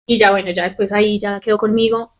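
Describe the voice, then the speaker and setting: A young adult woman, a podcast host telling a personal story candidly and with animation. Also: medium pitch. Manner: candid, fast and animated, swears casually.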